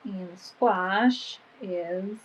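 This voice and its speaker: A sniffly woman with allergies chats casually during a live sale of her vintage goods online, drawing out her words and filling pauses with plenty of "um" and "like." Her voice is medium in pitch, and the audio quality is poor.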